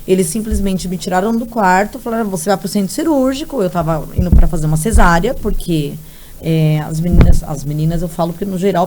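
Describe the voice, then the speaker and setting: A fast-talking woman in her thirties tells a personal story in a casual chat. She acts out other people's words and laughs through tears. A steady hiss of noise sits under her voice. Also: fairly low pitch. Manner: animated storyteller, acts out quotes, tearful laughter. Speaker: podcast co-host. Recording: noisy background.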